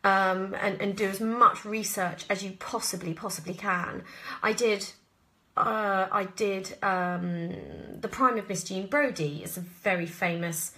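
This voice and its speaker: The speaker's mid-range voice sounds pushed and bright, with fairly even intonation and a measured pace. She is an English-accented actress answering audience questions casually in a live chat, hesitating, thinking aloud and frequently clearing her throat.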